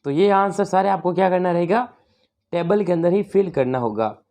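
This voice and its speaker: A woman online tutor works her way through an exam paper question by question. Her voice sits fairly low, with a warm, relaxed tone. She talks in a loose, chatty way, keeps turning to her viewers, and reads each English question slowly and with care.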